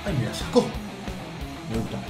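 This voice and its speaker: A young man with an Argentine accent giving excitable gameplay commentary as a video game coach, cheering his players on with bursts of shouting. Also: normal speed. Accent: Argentine Spanish. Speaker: gaming YouTuber. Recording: roomy home setup with faint background music.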